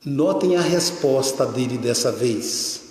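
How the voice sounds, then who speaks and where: A man's voice: mid-range voice, slow pace. A man, giving a live lecture-sermon, telling stories and asking the audience questions. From Minas Gerais, Brazil. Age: 50s. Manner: storytelling, animated, asks the audience questions. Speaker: spiritist lecturer. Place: lecture hall. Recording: echoey hall, long reverb.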